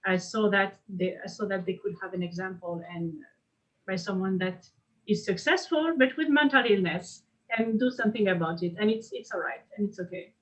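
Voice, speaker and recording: A woman's voice: mid-range voice, moderate pace, fairly bright tone. A woman speaking openly and outspokenly in a casual online group discussion. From France. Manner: outspoken, open. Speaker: participant. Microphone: video call. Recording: dull lo-fi video call audio.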